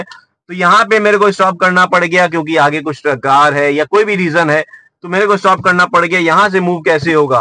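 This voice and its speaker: A middle-aged man with a high, bright voice talks through a driving lesson as he drives. He explains each step patiently, and the sound inside the car is dry and close. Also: dry recording. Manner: patient, explains while demonstrating. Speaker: driving instructor.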